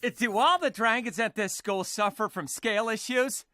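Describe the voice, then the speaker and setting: A hesitant pony visitor. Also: female voice, a little high, normal speed, pushed and bright, no room sound. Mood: polite. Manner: polite, hesitant, stammering. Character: polite, nervous adult pony visitor. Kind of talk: cartoon voice acting.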